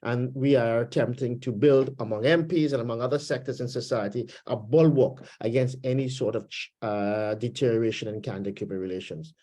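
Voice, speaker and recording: Here a Trinidadian-accented man, rooted in Trinidad and Tobago, sits on a webinar panel from home in Canada, delivering political commentary over a video call. The voice is mid-range with a dark tone; the pace is measured and thoughtful, broken by many pauses and fillers.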